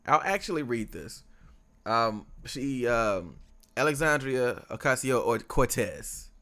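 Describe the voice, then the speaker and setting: A man's voice: mid-range voice, big pitch swings, slow, sharp tone. A man co-hosting a podcast in casual conversation, rambling with lots of fillers and restarts. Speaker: podcast co-host.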